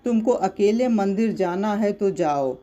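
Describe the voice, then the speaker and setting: A narrator reading the lines of a sick, irritable husband in a slow, even voice. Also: medium pitch, close to an everyday voice.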